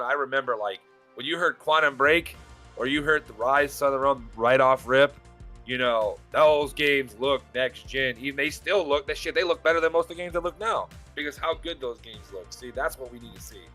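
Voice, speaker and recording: A man's voice: medium pitch, moderate pace, sharp tone, faint music behind. A man hosting a gaming podcast, talking in a rambling, blunt way with casual swearing. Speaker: podcast host.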